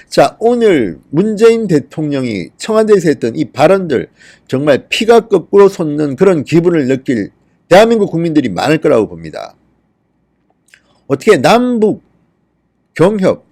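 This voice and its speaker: A middle-aged male commentator delivers an indignant political monologue full of rhetorical questions. His voice sits a bit high, yet it sounds mellow and dark. His pitch rises and falls with a lot of animation. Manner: indignant, rhetorical questions, reads quotes aloud.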